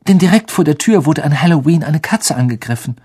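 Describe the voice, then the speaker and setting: A reader voicing an earnest, brisk schoolgirl in a raised, bright, placating tone. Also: mid-range voice, animated, slightly rough, pitched above the performer's own voice. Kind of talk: audiobook reading.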